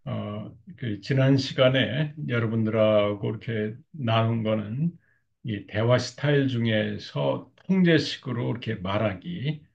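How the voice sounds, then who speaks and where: An older male lecturer talks through marriage communication at a middle pitch. His voice is gravelly, and he often pauses on fillers. The recording sounds dull and lo-fi. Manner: frequent fillers, acts out short example quotes.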